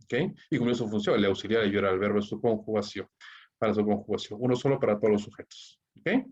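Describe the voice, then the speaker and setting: A male English teacher explaining grammar rules to students, checking in constantly and slowing down on the English examples. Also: on the low side, a little mellow, dull audio. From Peru. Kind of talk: grammar lesson explained in Spanish.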